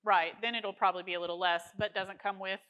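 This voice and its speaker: A woman's voice: medium pitch, steady tone, fast, fairly bright tone, clear, resonant tone, lo-fi sound. A woman hosting a discussion on caregiving, reflective and summarizing what the guest says. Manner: reflective, summarizes and clarifies points. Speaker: host. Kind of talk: casual panel discussion.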